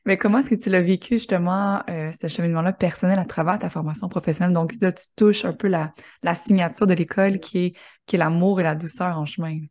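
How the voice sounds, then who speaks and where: Québécoise host on a video call, low warm voice, upbeat and encouraging with her guest. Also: steady tone, fast talker. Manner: enthusiastic, encouraging interviewer. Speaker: interviewer and host. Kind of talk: friendly online interview.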